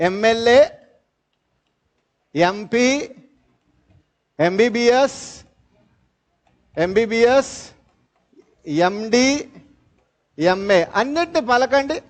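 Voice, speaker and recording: Man, high voice, Telugu accent, grammar teacher, slow explanations, quizzes the class. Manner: explains slowly, repeats terms, quizzes students. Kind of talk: live class lecture. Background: fans running in classroom.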